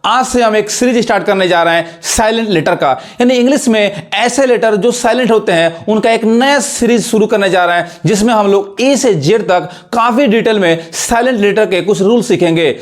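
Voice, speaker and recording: Male teacher with a high voice, repeats words and asks rhetorical questions. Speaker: English teacher. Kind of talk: explanatory teaching.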